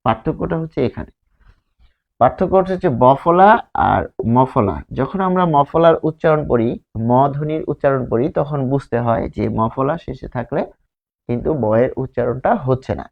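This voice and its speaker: This grammar teacher, a man with a Bangladeshi Bengali accent, works at a whiteboard, explaining at a slow pace with repeated words and rhetorical questions. He has a gravelly, mid-range voice heard through a muffled recording.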